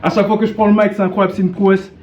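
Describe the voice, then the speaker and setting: A man's voice: high-pitched, little pitch movement, rapid-fire, highs cut off, a crowd in the background. A man delivering declamatory, mocking a cappella battle rap. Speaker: battle rapper. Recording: clearly noisy live recording.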